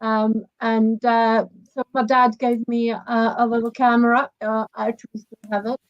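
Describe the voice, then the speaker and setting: A woman's voice: fairly high pitch, flat delivery, moderate pace, no echo, highs cut off. A woman from the Republic, a guest photographer speaking in a reflective, hesitant way with many fillers. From Czech Republic. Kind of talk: casual interview.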